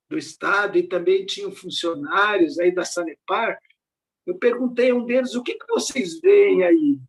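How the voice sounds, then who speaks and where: This is an older man with a high voice and some vocal fry, lecturing over slides on a video call. He's the invited speaker at a research network meeting, and his academic talk is reflective and full of rhetorical questions.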